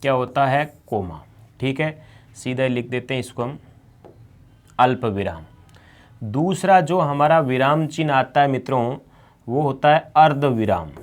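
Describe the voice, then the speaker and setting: A man teaching an exam-prep class, dictating phrases slowly while writing on a board and repeating them, then answering his own questions. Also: mid-range voice, lively intonation.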